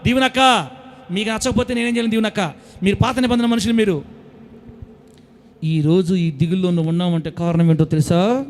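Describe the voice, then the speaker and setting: A male pastor, preaching a sermon and swinging between loud exhortation and soft coaxing. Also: sits high, steady tone, brisk, pauses often.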